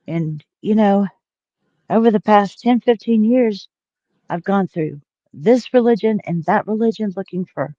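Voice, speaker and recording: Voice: medium pitch, measured pace, dark tone, no room sound. A person in their sixties calling into a casual panel, venting with frustration and a lot of swearing. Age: 60s. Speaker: panel caller. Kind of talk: casual chat. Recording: dry, muffled lo-fi line.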